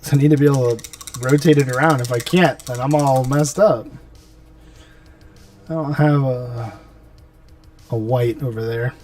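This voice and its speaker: A man's voice: mid-range voice, steady tone, moderate pace, long pauses, a little mellow. A man streaming himself painting miniatures, chatting casually and muttering to himself as he works. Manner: rambling, talks to himself as he works. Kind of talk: casual live-stream chat while painting. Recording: mic a bit far off, music behind.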